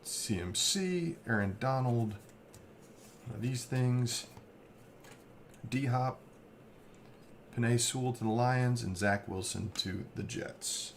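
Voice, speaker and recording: A man's voice: medium pitch, takes it slowly, vocal fry, pauses often. A man hosting a card break, casually rambling as he reads off player names. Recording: faint background noise.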